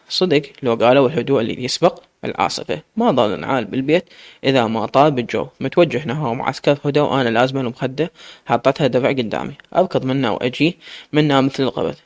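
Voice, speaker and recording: A man's voice: medium pitch, no room sound. A man with an Iraqi accent reading a serialized story aloud as storyteller. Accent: Iraqi Arabic.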